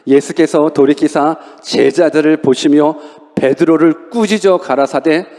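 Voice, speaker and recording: A man's voice: on the high side, measured pace, warm tone. A male pastor preaching a sermon in a church. He acts out quotes and asks rhetorical questions. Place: church sanctuary. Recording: long church reverb.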